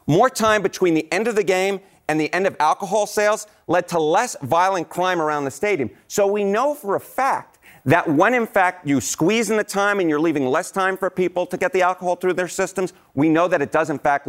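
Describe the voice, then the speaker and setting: A man on a morning news show, walking through statistics with quick enthusiasm and frequent "right?" tags. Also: high-pitched, expressive. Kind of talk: explaining statistics on live TV.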